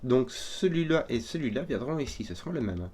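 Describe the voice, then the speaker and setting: A man solving a number puzzle out loud, hesitant and often correcting himself as he works through it. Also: medium pitch, sing-song, slightly rough. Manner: hesitant, self-correcting, halting. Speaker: puzzle solver. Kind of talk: thinking aloud while solving a puzzle.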